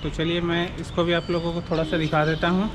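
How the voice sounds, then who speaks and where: A man in his thirties giving a relaxed, chatty walking tour of a riverside temple courtyard, recorded on an action camera. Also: a little high, brisk. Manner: relaxed, chatty guide pointing things out. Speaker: travel vlogger. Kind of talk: casual walking vlog tour. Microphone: action camera on a chest or hand mount. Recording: outdoor camera audio with clear street and traffic noise.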